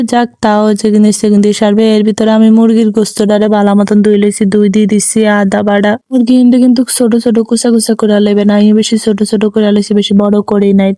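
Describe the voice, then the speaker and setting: A woman with a Chandpur Bengali dialect talks over her cooking footage at a brisk clip. Her tone is mellow and low-key, the pitch stays flat, and the recording is close and dry. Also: no room sound. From Bangladesh. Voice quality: chatty, rambling, self-deprecating. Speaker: cooking vlogger. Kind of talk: casual voice-over narration.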